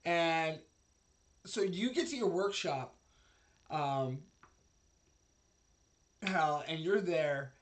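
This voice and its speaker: A man narrating as game master in a tabletop game, halting with many fillers. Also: on the high side.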